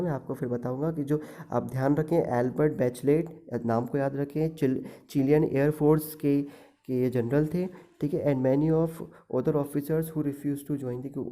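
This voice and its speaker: A man teaching an exam-prep lecture, explaining in Hindi and reading English textbook lines slowly, with fillers and restarts. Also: mid-range voice, warm tone, poor audio.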